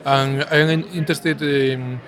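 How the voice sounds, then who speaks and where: Brief: man, flat and halting, crowd behind. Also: a little high. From Spain. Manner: halting, repeats words. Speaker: university researcher. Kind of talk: self-introduction at a meeting.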